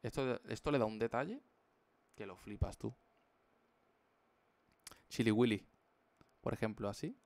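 A man's voice: on the low side, unhurried, creaky, pauses often, darkish tone, no echo. A young man from chatting casually on a live stream while he draws, playful and full of slang. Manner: playful, slangy, jokey rambling.

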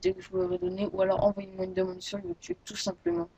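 A woman's voice: very high voice, flat delivery, fast talker, gravelly, mellow. A teenage girl making a casual video announcement as a gaming YouTuber, rambling and hesitant with many restarts. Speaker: Minecraft YouTuber.

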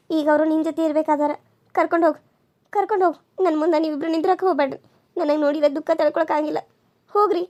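[name], a woman doing a shrill, taunting young second wife. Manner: taunting, bossy. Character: sharp-tongued scheming young second wife.

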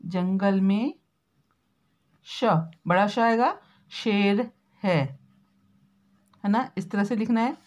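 Woman teacher from Uttarakhand, mid-pitched, patient drill style: slow spelled-out words, constant "right?" to the kids. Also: darkish tone, dull audio. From Uttarakhand, India. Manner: constant tag questions to pupils. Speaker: primary school teacher. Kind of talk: spelling lesson for children.

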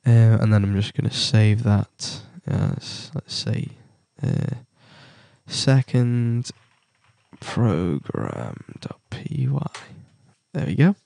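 Young man from Britain, has a cold, low flat voice, mellow tone, dry close sound, lots of ums. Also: clean tone, no echo. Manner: halting, many ums and likes. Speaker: tutorial presenter. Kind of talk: casual screen-recorded coding tutorial.

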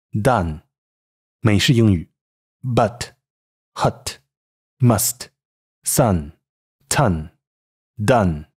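A man explains pronunciation in a scripted lesson, slowing down to demonstrate sounds. His voice sits low and a little husky, and his intonation moves up and down a lot as he stresses points. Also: a little mellow. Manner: careful, instructive, demonstrating sounds slowly. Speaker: English pronunciation teacher.

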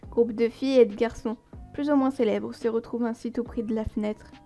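A woman with a fairly high, warm, mellow voice reads a story game aloud. She trips over words now and then and drops in chatty, giggly asides. Soft music plays faintly under her voice. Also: steady tone, a little fast. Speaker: gaming streamer.

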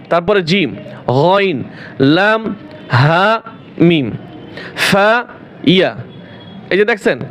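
A man's voice: sits high, slight background noise. A man teaching Quran reading at home, calling out Arabic letters one by one and patiently explaining each.

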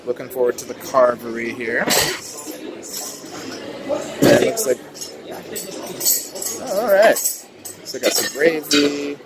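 A young man vlogs his way around a large indoor buffet restaurant on a handheld phone, chatting upbeat and casually with many "ooh"s and "uh"s. His medium-pitched voice is slow with frequent pauses, loud music plays behind him, and the noisy recording also catches diner chatter and clatter.

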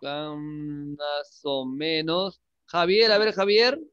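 A man on the high side, with a smooth, slightly bright voice and fairly even intonation, teaches English online at a very slow pace. He switches languages, frequently asks "¿sí?" to check understanding and chuckles often, all in a muffled recording.

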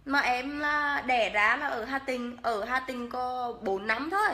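High, bright-voiced playful woman vlogger. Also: measured pace. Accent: northern Vietnamese. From northern Vietnam. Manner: playful and teasing, laughs often. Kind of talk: casual makeup vlog chat.

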